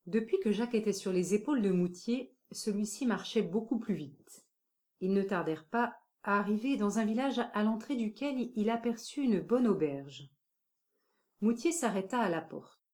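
A woman narrating a classic novel as an audiobook in a calm, measured way. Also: mid-range voice.

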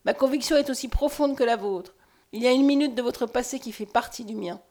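A woman's voice: a little high, brisk, darkish tone, close to an everyday voice. A woman reading the part of a man who has lost his memory, speaking earnestly and with passion in a storybook reading. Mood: pleading. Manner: earnest, impassioned. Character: haunted man with lost memory, pleading and intense.

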